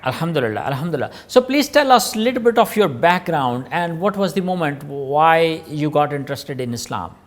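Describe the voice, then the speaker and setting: A man's voice: a little high, expressive, fairly quick, hardly any pauses. A man hosting an interview, introducing his guest and asking earnest, probing questions. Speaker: interview host.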